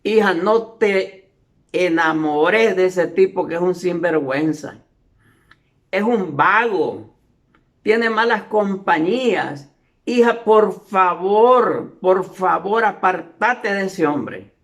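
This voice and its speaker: Worried, pleading mother begging her daughter, quoted by a male lecturer, slow and gravelly. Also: high-pitched, lively intonation, fairly bright tone, heavily acted. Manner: pleading, insistent.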